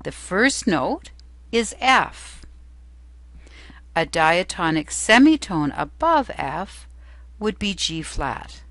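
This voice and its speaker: Woman, patient teacher, slightly low voice, slow careful step-by-step lesson delivery, dry close sound. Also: very animated, a bit bright, no echo. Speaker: music theory teacher. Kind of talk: instructional lesson narration.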